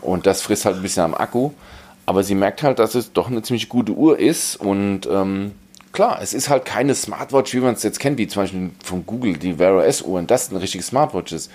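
A man with a very low voice co-hosting a tech podcast. He explains gadgets in a plain, matter-of-fact way. He keeps a casual, conversational tone. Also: moderate pace, a little mellow. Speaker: podcast co-host.

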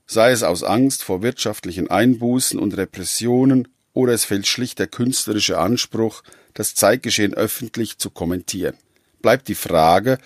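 A man with a fairly low voice reads a radio feature script in a measured, even way. The sound is dry and close, with no room around it. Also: no echo. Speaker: narrator.

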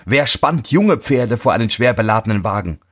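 In a lowish, expressive voice at normal speed, a man reads a fairy tale as a fussy old master shoemaker. The character is irritable and indignant, scolding everyone and shouting complaints.

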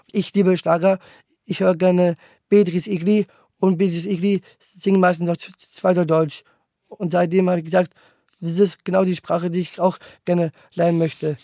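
High, flat-voiced young man. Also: no room sound, clean studio sound. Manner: halting, earnest, many restarts. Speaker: aspiring actor. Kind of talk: casual monologue to camera.

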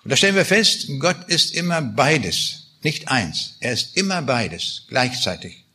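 A man preaching a sermon, emphatic and slowing down on key phrases as he quotes scripture. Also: mid-range voice, very animated, pushed and bright, breathy edge.

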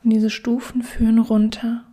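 A woman guiding a relaxation meditation in a soft, soothing whisper. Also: a little high, monotone, normal speed. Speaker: meditation guide.

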